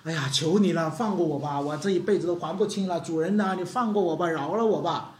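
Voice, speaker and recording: A man voicing a begging male servant who is deep in debt, pleading in a soft, low whine. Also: fast talker, close to an everyday voice. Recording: echoey room.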